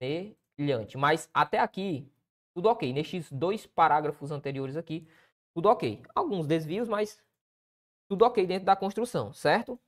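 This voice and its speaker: Lively Brazilian teacher checking in often. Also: male voice, on the high side, normal speed. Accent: Brazilian Portuguese. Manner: keeps checking in with the listener and pointing things out. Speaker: essay-writing teacher. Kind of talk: correcting a student essay aloud.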